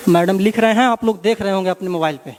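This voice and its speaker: High-voiced guy pushing someone to answer, replayed clip w a long echo. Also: fast talker. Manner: insistent, prodding. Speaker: interviewer in a social media clip. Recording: reverberant replayed clip, faint noise.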